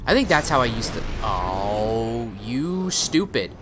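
A man's voice: lowish voice, sing-song, unhurried. A man giving casual let's play commentary, tossing sarcastic asides at the game. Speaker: gamer, let's player. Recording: clearly noisy, game ambience behind.

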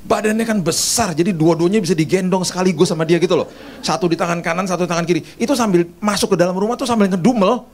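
A middle-aged man preaching in a church service, telling chatty, jokey anecdotes. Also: high voice. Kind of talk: humorous sermon storytelling.

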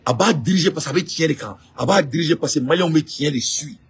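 Husky Malian man making impassioned appeals. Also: fairly high pitch, animated, quick pace. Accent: Malian French. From Mali. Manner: repetitive, rhetorical questions; switches between French and Bambara. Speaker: political activist. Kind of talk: impassioned political address.

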